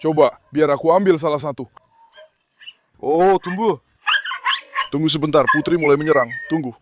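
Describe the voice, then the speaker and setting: A man's voice: on the high side, moderate pace, very noisy. A man hosting a farm vlog, speaking affectionately to his dogs and calling out repeated commands to them. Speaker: dog breeder and farm owner. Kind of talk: casual vlog narration.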